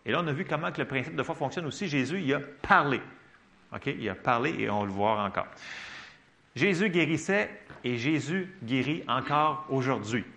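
A man's voice: mid-range voice, normal speed, vocal fry. A man preaching a sermon in a Quebec French accent, conversational and often checking in with his listeners. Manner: lively, conversational, checks in with the congregation. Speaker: pastor.

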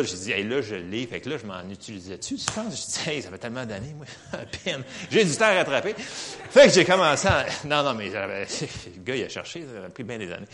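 With a medium-pitched voice and a Quebec French accent, a man shares his testimony from the pulpit, telling it as an animated story full of laughter.

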